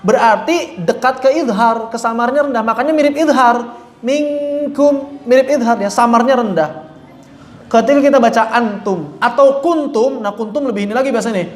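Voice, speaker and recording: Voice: mid-range voice, brisk. A Quran recitation teacher giving a classroom lesson, explaining step by step, demonstrating sounds, asking and answering their own questions and firmly correcting mistakes. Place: room with a class repeating after the teacher. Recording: echoey room, faint background noise.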